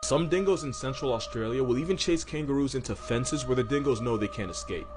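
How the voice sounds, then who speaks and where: Over background music, a man reads scripted comedic narration for an animal facts video. He talks fast at a medium pitch, and his manner is wry, slangy and irreverent.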